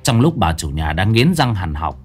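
Guy narrating a spooky story, very animated, faint music behind. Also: sits low, moderate pace, slightly rough. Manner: dramatic, lively storytelling.

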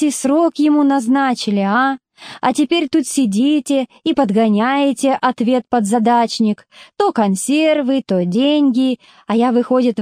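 A woman's voice: fairly high pitch, mellow, no room sound, clean studio sound, lightly acted. A woman voicing a plainspoken working-class mother, blunt, stubborn and speaking in homely folk speech, in a storybook reading.

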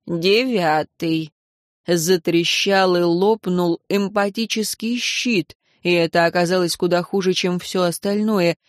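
A woman narrating an audiobook in a measured, dramatic way, close to the mic. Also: on the low side, steady tone, no echo.

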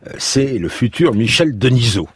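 A man with a very husky voice hosting a radio interview in a halting, wry, digressive way. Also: mid-range voice, animated. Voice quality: very husky, gravelly.

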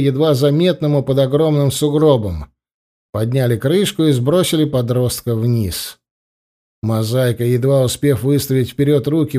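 A man narrating a fantasy audiobook in an expressive storytelling manner. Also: medium pitch. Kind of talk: scripted narration.

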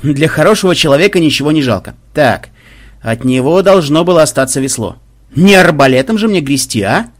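A man voicing a brash, reckless male gunman who talks loud and cocky. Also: a little high, expressive, brisk. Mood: boastful.

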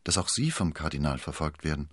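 A man's voice: rumbling low, animated, brisk, breathy edge, dry recording, clean studio sound, heavily acted. A man voicing a shy, naive young woman in a storybook reading. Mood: timid. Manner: shy, then eager.

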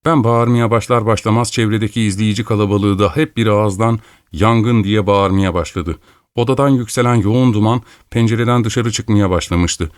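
A man narrating an audiobook in a steady, measured storytelling manner. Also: lowish voice, clean tone, no room sound, studio quality. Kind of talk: scripted narration.

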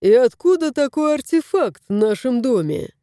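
A woman voicing a calm, matter-of-fact young husband in an audiobook. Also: high-pitched, moderate pace, dry recording, clean studio sound.

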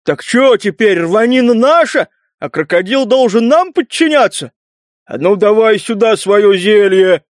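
A man's voice: high voice, expressive, a little slow, no echo, studio quality. A man voicing a boastful young male mutant thug who talks in coarse, mocking slang. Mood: mocking swagger.

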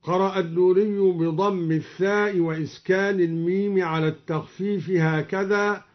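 A man reciting scripture in slow, melodic chant, with spoken notes explaining variant readings between passages. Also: high voice, fairly even intonation. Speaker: Quran reciter. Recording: dull lo-fi old radio recording.

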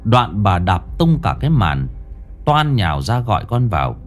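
A man's voice: fairly low pitch, very animated, normal speed. Man telling a ghost story dramatically. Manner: dramatic, swinging intonation. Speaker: narrator.

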